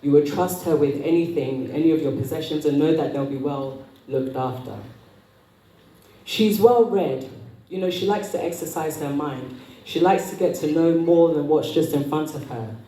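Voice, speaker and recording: A woman giving a motivational talk as an etiquette coach, with prim, precise enunciation and a measured, polite manner. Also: low-pitched, dark tone. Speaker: etiquette coach speaking at an event. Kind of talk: motivational talk to a live audience. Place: indoor event room with audience. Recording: roomy, distant mic, noisy hall.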